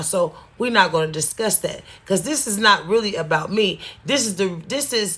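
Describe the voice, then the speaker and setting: Telling a story casually to camera, a woman vlogger repeats words to stress her points to her viewers. Her voice is lowish and a bit bright.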